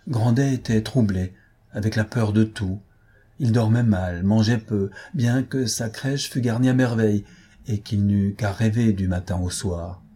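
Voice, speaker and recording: A man calmly reading a story aloud in a measured, unhurried way. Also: fairly low pitch, slightly rough. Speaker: narrator.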